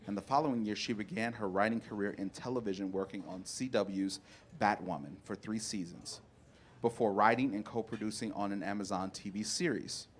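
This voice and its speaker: A man's voice: on the low side, brisk, a little hiss or hum. A man hosting an event, reading out a scripted biographical introduction of a guest speaker.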